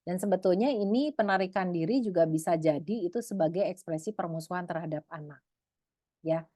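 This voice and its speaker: A woman giving a webinar talk on parenting, lively and acting out parents and children in high voices. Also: fairly quick, no echo, clean studio sound. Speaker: psychologist speaker.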